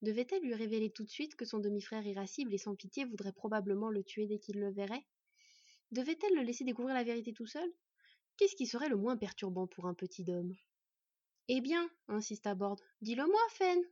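A woman narrating a fantasy audiobook in an even, measured reading. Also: on the high side, husky, dry recording, highs cut off.

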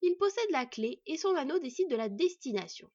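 A woman's voice: high-pitched, very animated, brisk, dry recording, highs cut off, voice pushed up. A woman voicing a sardonic, scolding dwarf smith. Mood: lecturing. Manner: mocking, lecturing in a loud raised voice. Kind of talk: audiobook character voice.

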